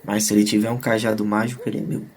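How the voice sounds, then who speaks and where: A man's voice: fairly low pitch, level tone, racing, a little mellow, lightly acted. A man voicing a sarcastic, knowing young adventurer mage in a fantasy audio drama, wry and explanatory.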